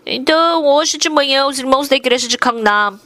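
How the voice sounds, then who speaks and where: A woman's voice: high voice, fairly quick, bright, forceful tone. A woman interpreting a sermon, telling its story earnestly and with emphasis.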